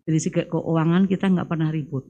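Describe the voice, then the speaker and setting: A woman guest calmly sharing a personal story in a soft-spoken, resigned way. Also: deep voice, brisk, lo-fi sound.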